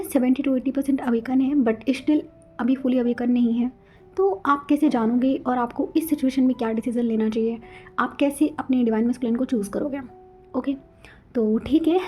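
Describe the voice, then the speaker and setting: A young woman hosting a spiritual channel, talking rapidly and casually to her viewers, mixing in English words and saying "okay" often. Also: a little high, mellow, breathy edge. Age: young adult. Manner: rapid, flowing Hindi-English mix, frequent "okay" and "theek hai".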